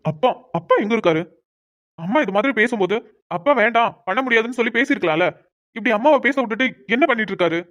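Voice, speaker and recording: A woman's voice: on the low side, quick pace, dark tone, muffled recording, lightly acted. A woman voicing a young man, a protective elder brother who talks in a heated, insistent way, in a cartoon. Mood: angry. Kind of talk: cartoon voice acting.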